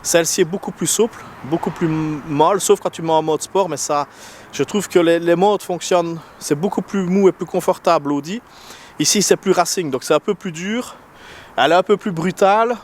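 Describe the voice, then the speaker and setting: Speaking at a normal speed in a slightly high voice, this car channel host has an odd French accent and talks in a loose, hesitant way, restarting sentences and using lots of fillers. He records in a car and later beside parked cars outside, with traffic and street sounds throughout.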